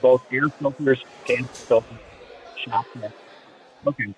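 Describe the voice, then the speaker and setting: A man calling a radio show from his car over a muffled Bluetooth phone line, rambling and halting with many fillers. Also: mid-range voice, fairly even intonation, soft background music. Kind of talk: call-in chat. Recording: tinny, hard-to-hear phone call over car Bluetooth.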